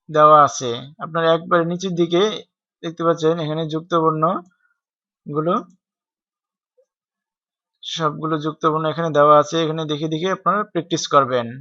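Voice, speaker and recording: Slow man tutoring typing. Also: on the high side, bright, forceful tone, no room sound. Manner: slow, step-by-step, spells out keys letter by letter. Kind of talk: screen-recorded software tutorial. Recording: dry, dull lo-fi home recording.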